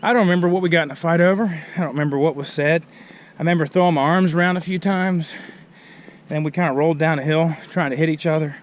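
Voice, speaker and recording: A pastor with a fairly high man's voice talks casually as he hikes up a hill, a bit breathless from the climb. He speaks into a phone held at arm's length outdoors. A faint hiss of outdoor noise runs under his voice. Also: fairly even intonation, fast talker, dull audio. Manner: out of breath from walking uphill. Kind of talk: casual vlog message while walking.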